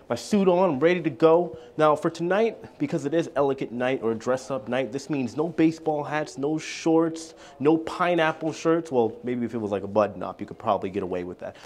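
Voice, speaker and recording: A man's voice: medium pitch, slight background noise. A man in his thirties, chatty and candid, talking straight to viewers as he vlogs through a cruise ship on a phone held at arm's length. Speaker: cruise vlogger. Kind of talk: casual vlog narration. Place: cruise ship corridors and venues, indoors. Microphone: phone camera held at arm's length.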